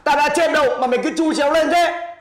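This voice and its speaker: A man's voice: extremely high pitch, steady tone, fast talker, roomy sound. An actor playing a bossy young male cousin who talks brusquely and scolds. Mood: scolding. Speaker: older cousin in a comedy sketch.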